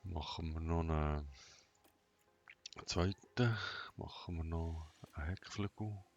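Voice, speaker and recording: A man talking in a flat, emotionless monotone while clicking through game menus and mumbling to himself in a let's play. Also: very deep voice, slow. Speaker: gamer. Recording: dull lo-fi mic, faint game music behind.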